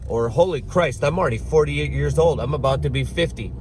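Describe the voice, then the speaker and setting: A man in his thirties ranting casually to camera as a vlogger, slow and rambling, with frequent swearing and throat-clearing. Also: fairly high pitch, a little mellow, slight background noise, low-quality recording. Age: 30s.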